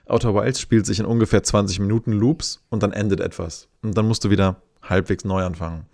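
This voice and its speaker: A man hosting a podcast, telling a story in a lively, relaxed, chatty way. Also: on the low side, a little fast, vocal fry. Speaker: podcast host. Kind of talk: casual podcast chat.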